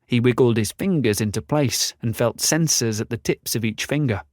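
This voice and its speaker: A man narrating a fantasy audiobook in a measured, descriptive reading. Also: medium pitch, a little mellow, dry recording, clean studio sound. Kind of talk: scripted narration.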